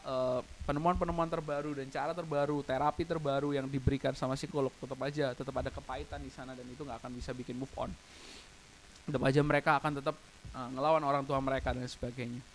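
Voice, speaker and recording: A man's voice: mid-range voice, a little hiss or hum, low-quality recording. A young man preaching a casual, personal youth sermon at an online church service, speaking in slang, slipping in English phrases and growing tearful at times. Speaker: youth pastor.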